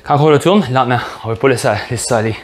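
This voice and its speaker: A man's voice: mid-range voice, racing. A man with a Québécois French accent, leading a workout as a fitness coach, upbeat and joking as he counts reps aloud. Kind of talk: guided workout instruction.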